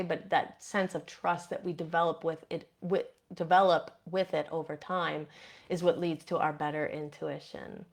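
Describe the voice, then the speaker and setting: A woman podcast host with a Midwestern accent softened by years in Boston chats through viewer comments. Her voice sits fairly low, and she talks in a loose, conversational way with plenty of fillers. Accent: Midwestern with a Boston influence. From Indiana. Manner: chatty, warm, reads out viewer comments, many fillers. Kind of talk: casual live-stream chat answering comments.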